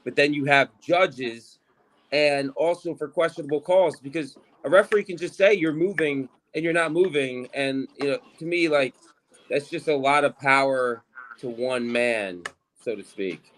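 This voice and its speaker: A man chatting casually as an athlete, in a halting, repetitive way with lots of filler words. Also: on the high side, a bit bright, a little hiss or hum, rough recording. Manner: halting, repeats himself, fills with "like". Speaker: arm wrestling competitor. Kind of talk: casual chat on a live stream.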